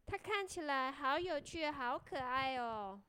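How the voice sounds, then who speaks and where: A woman's voice: high-pitched, expressive, unhurried, pushed and bright, no room sound, heavily acted. A woman voicing a curious little girl in a children's story, sweet and wondering.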